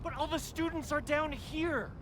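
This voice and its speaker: Very high-pitched, frantic angry policeman. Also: normal speed, fairly bright tone, slight background noise, rough recording. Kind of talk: video game voice acting.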